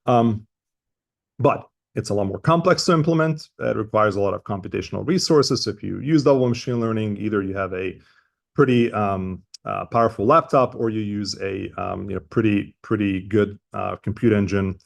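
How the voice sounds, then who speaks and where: A man's voice: lowish voice, moderate pace, gravelly. A man with an Eastern European accent presenting an informal explanatory webinar, speaking hesitantly and often checking in with "right?".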